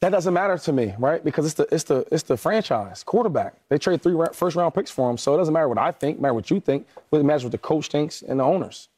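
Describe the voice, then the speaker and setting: Fast-talking man giving firm rebuttals. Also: fairly high pitch, lively intonation, a little mellow, slightly rough. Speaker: sports show panelist. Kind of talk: sports debate.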